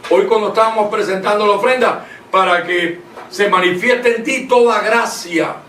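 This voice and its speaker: High-pitched male preacher, emphatic, reads verses slowly; distant mic in a roomy space. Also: a bit bright. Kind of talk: preaching in conversation. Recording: echoey room, mic at a distance, faint noise.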